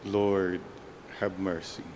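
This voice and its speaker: A priest speaks into a pulpit microphone in a slow, deliberate voice. His pitch sits a little low, with a faint hum behind him. He prays in a solemn, measured cadence. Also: little pitch movement, a little mellow. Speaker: priest presiding at Mass. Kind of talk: leading liturgical prayer and exhortation.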